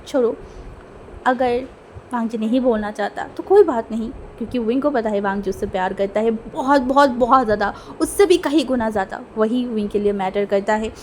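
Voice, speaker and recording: A woman's voice: on the high side, moderate pace, a little hiss or hum. A young woman narrating fan fiction in a casual, chatty storytelling manner, with faint music behind her.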